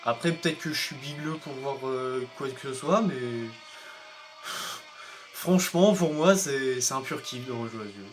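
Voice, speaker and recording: A young man commentating a racing game, playful and excitable, teasing rival drivers and yelping when things go wrong. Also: normal speed. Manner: playful, excitable, talks to rival drivers, bursts of high yelps. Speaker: gaming YouTuber. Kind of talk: let's play commentary. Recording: faint game music behind.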